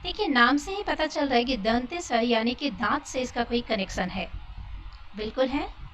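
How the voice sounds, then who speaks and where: A woman's voice: a little high, expressive, normal speed, a bit bright, recorded from a distance, poor audio. A woman teaching a Hindi lesson, patiently demonstrating and repeating sounds. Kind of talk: explanatory lesson.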